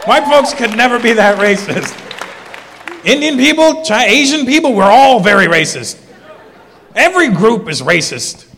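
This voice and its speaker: High-voiced comedian in a reverberant club. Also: male voice, creaky, a faint crowd. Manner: animated, acts out characters in quick voices. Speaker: stand-up comedian. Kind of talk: stand-up comedy set. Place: comedy club stage before a live audience.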